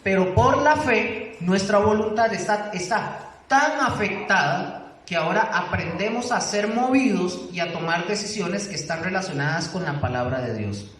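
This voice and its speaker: Leading a church doctrine class, this man is animated and earnest, urging his audience on and putting questions to them often. He speaks at a normal speed in a high-pitched, fairly bright voice, recorded from afar in an echoey room with slight noise.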